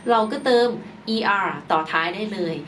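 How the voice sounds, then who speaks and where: A woman's voice: medium pitch, animated, moderate pace, a bit bright. Patient woman teaching grammar, distant mic. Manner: patient, repetitive, spells words letter by letter. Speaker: English teacher. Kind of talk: explaining grammar lesson. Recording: distant mic with clear background noise.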